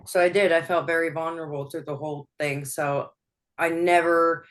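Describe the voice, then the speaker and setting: Low-voiced woman opening up in an interview. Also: fairly even intonation, normal speed. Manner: open, laughs often, soft-spoken with frequent restarts. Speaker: guest. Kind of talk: personal interview.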